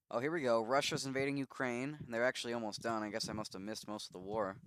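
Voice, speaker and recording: A man's voice: medium pitch, fairly bright tone, smooth, no echo. A man giving casual commentary on a strategy game simulation, musing and thinking aloud with easy asides.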